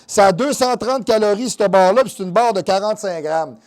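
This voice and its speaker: In a comedic fitness show monologue, a man with a Québécois French accent coaches viewers through an exercise demo while tossing in crude, teasing jokes. His voice sits high with a darkish tone and a brisk pace.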